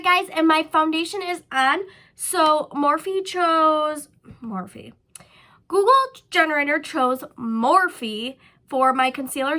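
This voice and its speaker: This beauty vlogger is a young woman with a high, sharp voice made stuffy and nasal by a cold. She's sick but keeps chatting casually through a makeup tutorial, dropping frequent ums and likes.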